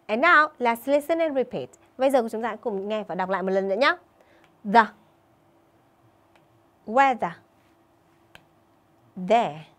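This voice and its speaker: A woman English teacher giving an online video lesson for schoolchildren. She keeps checking in with her pupils and slows down to model English sentences. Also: on the high side, animated, pushed and bright.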